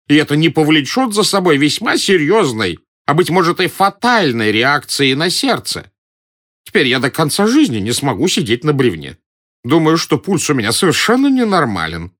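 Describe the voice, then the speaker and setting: A man's voice: on the high side, a bit bright, voice pushed up. A man playing a timid, pedantic elderly male professor in an audiobook, whining and indignant. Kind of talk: audiobook character voice.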